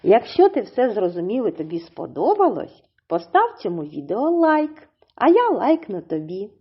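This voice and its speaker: A woman teacher with a Ukrainian accent gives a children's lesson, explaining slowly and deliberately and breaking words into syllables. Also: medium pitch, big pitch swings, husky, lo-fi sound.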